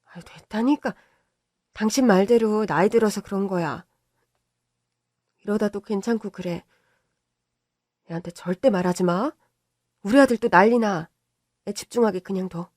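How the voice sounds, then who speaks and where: A woman's voice: mid-range voice, moderate pace, long pauses, darkish tone, no room sound, studio quality, close to an everyday voice. A voice actor playing a loving, stubborn middle-aged mother who plays down her own troubles. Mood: weary.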